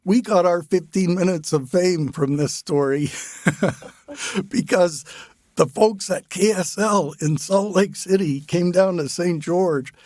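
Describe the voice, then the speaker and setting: An older man, a writer who hosts a podcast, conducts a relaxed conversational interview in a high, slow voice on a dry recording. He's easygoing and warmly humorous, laughing easily and often restarting his phrases.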